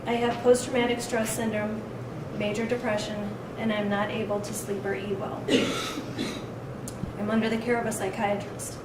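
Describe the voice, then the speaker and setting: A woman victim advocate reading a victim impact statement aloud in a steady, measured way, captured in a courtroom recording. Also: medium pitch. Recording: echoey courtroom, distant mic, noise.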